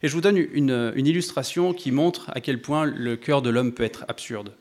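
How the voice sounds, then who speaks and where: In a darkish, medium-pitched voice, a man preaches to a congregation, speaking to them directly. He sounds thoughtful and conversational, often stopping and restarting.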